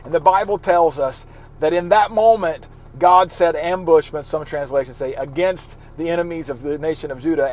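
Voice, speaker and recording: A pastor gives an informal devotional talk in a voice on the high side. He sounds earnest and encouraging but often halts and repeats words.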